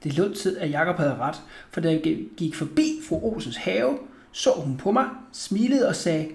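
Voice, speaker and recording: A man narrating a children's audiobook with a lively, expressive reading. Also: fairly high pitch, creaky. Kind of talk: audiobook storytelling.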